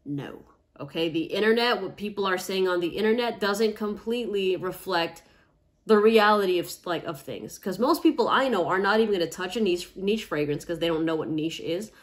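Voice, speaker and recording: A woman's voice: mid-range voice, moderate pace. A woman chatting casually in a product review vlog, emphatic, tagging her points with "okay?". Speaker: fragrance reviewer.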